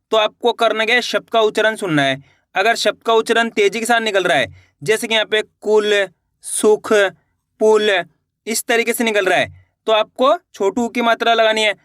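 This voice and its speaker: Male teacher, Hindi accent from India, step-by-step lesson, bright, dry close sound. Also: high voice, no room sound. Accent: Hindi-speaking India. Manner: repeats words, asks and answers own questions.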